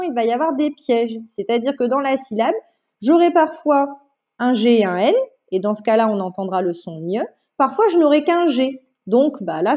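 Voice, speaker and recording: A woman, a primary school teacher, giving a remote phonics lesson to a child, patient and clear, repeating each syllable for dictation. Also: sits high, warm tone. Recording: dull lo-fi home recording.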